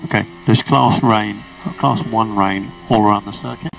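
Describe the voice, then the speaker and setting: Over a noisy, distant team radio with car and engine sounds behind him, a man acting as a motorsport race engineer gives clipped, procedural instructions. His voice is on the low side, gravelly and slightly bright, with a steady tone and moderate pace.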